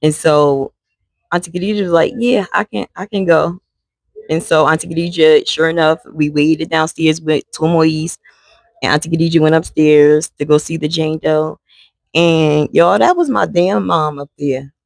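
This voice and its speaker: Gravelly woman telling a storytime. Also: low-pitched, steady tone, normal speed, no echo. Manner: conversational, addresses viewers as y'all. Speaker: vlogger. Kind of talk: emotional storytime.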